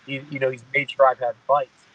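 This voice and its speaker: Thirtysomething guy rambling thru an interview, keeps saying you know what i mean, kinda flat, muffled sound. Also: mid-range voice, a little fast. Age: 30s. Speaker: guest fighter.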